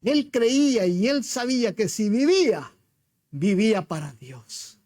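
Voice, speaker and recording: Slow-paced preaching pastor. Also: male voice, sits high, big pitch swings, darkish tone, no room sound, clean studio sound. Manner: emphatic storytelling, rhetorical questions to the congregation. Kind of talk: sermon.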